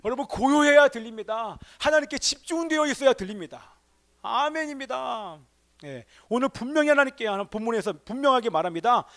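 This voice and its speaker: A male pastor preaching a Sunday sermon in a church, firing rhetorical questions at the congregation and swinging between emphatic exclamations and hushed asides. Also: extremely high pitch, lively intonation, fairly quick. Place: church sanctuary.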